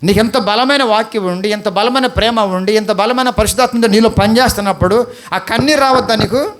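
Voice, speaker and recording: High-voiced pleading Telugu pastor. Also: male voice, fairly quick, fairly bright tone. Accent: Andhra Telugu. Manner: pleading, questioning the congregation. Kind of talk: sermon.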